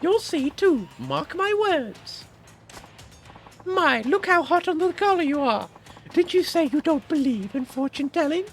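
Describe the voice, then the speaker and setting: A woman's voice: expressive, a little slow. A woman voicing a teasing, cryptic old fortune teller lady in a mocking granny voice for a game. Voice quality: high-pitched old lady voice. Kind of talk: playful improvised game voice-over in character. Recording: music behind the voice.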